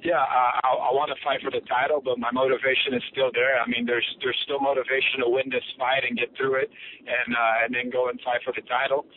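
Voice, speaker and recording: A man's voice: medium pitch, level tone, brisk. A man working as an interpreter on a telephone press conference call, over a noisy line. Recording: noisy, tinny phone line.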